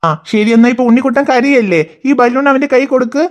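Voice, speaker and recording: A patient, gentle cartoon father, voiced by a woman who coaxes and reasons with his children. The voice sits somewhat high and stays calm and firm. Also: fast talker, natural voice. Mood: coaxing. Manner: coaxing, explaining patiently. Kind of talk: cartoon voice acting.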